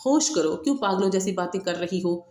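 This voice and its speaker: A woman's voice: on the low side, warm tone, natural voice. Woman reading a commanding young man, stern, audiobook novel, echoey.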